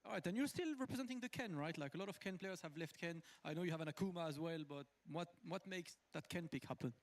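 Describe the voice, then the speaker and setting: A man hosting an esports tournament broadcast, interviewing players with upbeat, brisk questions. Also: on the high side. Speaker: on-site tournament host.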